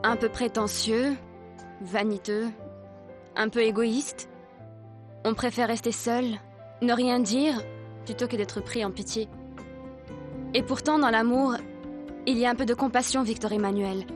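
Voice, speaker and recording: A woman's voice: on the high side, steady tone, measured pace, long pauses, over music, natural voice. An actress voicing a lovesick woman tenderly declaring her love, in dubbed telenovela acting. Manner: tender, persuasive.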